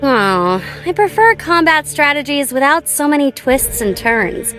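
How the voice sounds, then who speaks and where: A woman's voice: high voice, sing-song, a little slow, a bit bright, full character voice. An American actress voicing a playful, nonchalant young female gun-tech tinkerer in a video game, with a light, girlish, teasing delivery. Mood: cocky, playful. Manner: teasing, breezy, casual. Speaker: voice actor for a video game character. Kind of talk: scripted game character voice lines. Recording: studio voice over background game music. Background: background music.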